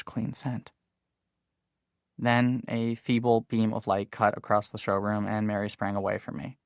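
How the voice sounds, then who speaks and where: A man narrating an audiobook in the first person, with even, steady storytelling. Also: lowish voice, gravelly, dry recording, clean studio sound.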